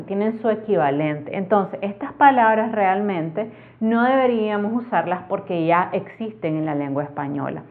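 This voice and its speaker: A woman with a Latin American Spanish accent, teaching a language lesson and explaining each point clearly and methodically with examples. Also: mid-range voice. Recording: narrow phone-like audio.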